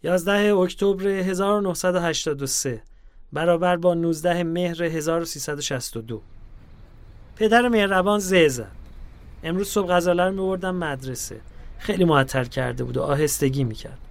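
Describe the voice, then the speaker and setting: A man narrating a diary in a calm, measured reading voice. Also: fairly high pitch.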